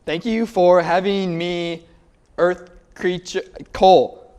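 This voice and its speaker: A man acts out a haughty alien soldier in a comedy sketch, with a somewhat high male voice. He talks in a stilted, condescending way, indignant and full of disdain for lesser beings. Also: steady tone, slow pace, a little mellow, clean tone, highs cut off. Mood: stiffly formal. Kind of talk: comedy sketch interview in character.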